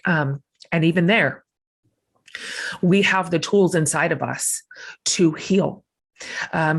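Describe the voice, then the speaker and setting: A woman's voice: lowish voice, breathy edge. A middle-aged woman hosting a podcast, introducing her guest with effusive praise, many fillers and restarts. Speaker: podcast host. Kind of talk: warm podcast introduction and interview.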